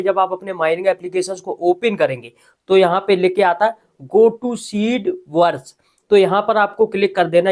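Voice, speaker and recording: A man, talking casually as host of a tutorial voice-over, often adding "ठीक है". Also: sits high. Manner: conversational, repeats filler "ठीक है". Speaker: crypto news host. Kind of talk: screen-recorded tutorial voice-over.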